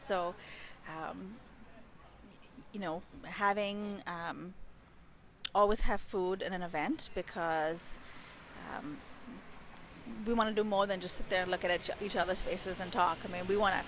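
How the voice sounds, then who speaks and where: Outside next to a building wall, a woman in her thirties, originally from India and brought up in Dubai, speaks into a handheld mic held near her. Her fairly low, steady, slightly bright voice moves a little slowly, thoughtful and somewhat hesitant, with slight background noise.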